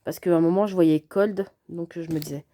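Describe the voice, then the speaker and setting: A woman's voice: fairly low pitch, fairly even intonation, normal speed, mellow, a little hiss or hum. Chatty French-speaking woman unboxing. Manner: chatty, hesitant with frequent fillers. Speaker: vlogger unboxing a cat subscription box. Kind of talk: casual unboxing commentary.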